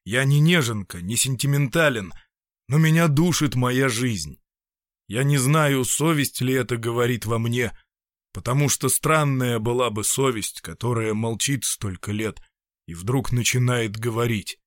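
A man playing a gruff, anguished middle-aged male doctor who talks in despairing, emphatic bursts. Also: medium pitch, unhurried, dry recording, studio quality, lightly acted. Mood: brooding.

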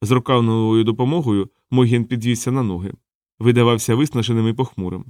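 A man narrating an audiobook in an even, steady storytelling voice. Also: medium pitch, fast talker, no echo, clean studio sound. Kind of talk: scripted narration.

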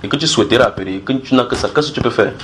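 A man's voice: medium pitch, racing, background noise. A man preaching and teaching from the Bible to a gathered group. He explains with everyday analogies, repeats key phrases and asks his listeners questions to draw responses.

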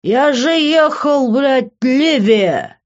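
A woman reading an audiobook, voicing a drunk young man who slurs, swears and yells down the phone. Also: high-pitched, animated, drawn-out words, voice pushed up, full character voice. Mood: drunk, angry. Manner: slurred, swearing, yelling. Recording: dull lo-fi recording.

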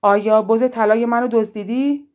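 A woman voicing a shrill, wicked old witch. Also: fairly even intonation, darkish tone, natural voice. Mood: accusing. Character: wicked old female witch, angry and threatening.

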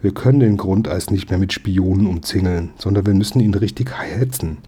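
Determined boy hero, earnest planner, dark mellow tone, from a male reader. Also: deep voice, a little fast, husky.

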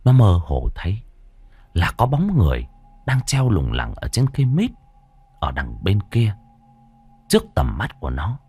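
A man's voice: sits low, wildly swooping pitch, measured pace, pauses often, warm tone, breathy edge. A man narrating a ghost story with a dramatic, swooping delivery.

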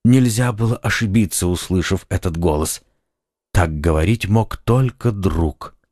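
A man narrates a children's storybook at a steady, measured pace. His voice sits on the low side, and the sound is close and dry. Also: no echo. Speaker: audiobook narrator. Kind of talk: scripted narration of a children's audiobook.

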